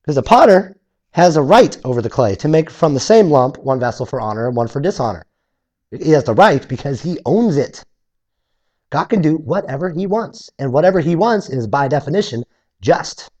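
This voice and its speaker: Man preaching, bible teaching, conversational, animated pitch swings, slightly high voice. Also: moderate pace. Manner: animated, acts out objectors in voices; conversational, with restarts.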